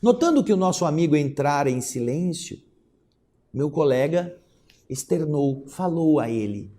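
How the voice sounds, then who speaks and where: A man's voice: on the high side, animated, moderate pace, dark tone. A man reading a book aloud expressively, breaking in with casual comments. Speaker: reader and commentator.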